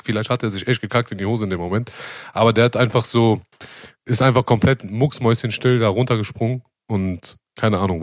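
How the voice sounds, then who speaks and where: A man co-hosting a casual chat, telling a story quickly and with laughter. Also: mid-range voice, no echo, clean studio sound. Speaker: podcast co-host.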